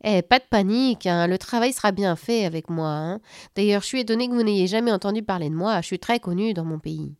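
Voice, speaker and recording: A woman's voice: medium pitch, brisk, a little mellow, clear, resonant tone, dry recording, clean studio sound, close to an everyday voice. A woman voicing a brash, cheeky male tooth-fairy mouse with a Belgian French accent, talking in a mocking, cocky way. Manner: cocky, mocking, sprinkles "hein" and "là".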